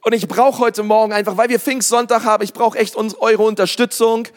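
High-voiced lively preacher man. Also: a little fast. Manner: lively, joking, calls for congregation responses. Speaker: pastor. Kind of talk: sermon.

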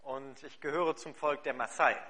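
A man's voice: medium pitch, steady tone, normal speed, pushed and bright, no room sound. A German man who heads a charity, interpreting for a guest and then telling a congregation a story, chatty and full of fillers. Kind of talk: speaking to a church congregation.

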